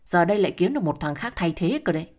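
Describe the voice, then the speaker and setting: A woman voicing a brutal, foul-mouthed husband who shouts insults in an audio story. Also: fairly low pitch, very animated, racing. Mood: angry shouting.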